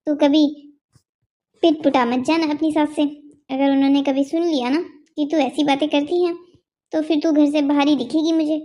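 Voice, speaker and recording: A frank young woman in a cartoon who gives her friend sensible advice, voiced by a woman. She sounds high and mellow. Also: fairly even intonation, normal speed, natural voice. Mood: advising. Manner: frank, advising.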